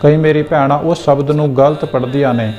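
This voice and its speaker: A man giving a lesson on the correct pronunciation of prayer verses, addressing listeners gently and reciting each line slowly and carefully. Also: on the high side, steady tone, highs cut off, soft background music. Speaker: teacher of scripture pronunciation. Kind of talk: Punjabi scripture pronunciation lesson.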